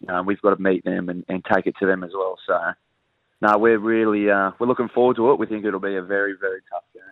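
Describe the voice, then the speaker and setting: A low-voiced Australian man speaks as an athlete in a casual interview. He comes through a narrow, tinny phone line with no room echo. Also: steady tone, fast. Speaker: rugby league player being interviewed.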